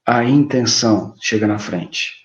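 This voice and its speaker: A man's voice: lowish voice, a little slow, dull audio. A man with a Brazilian Portuguese accent giving a motivational self-help talk, speaking straight to the listener in a coaxing, repetitive way. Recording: roomy, echoey room sound.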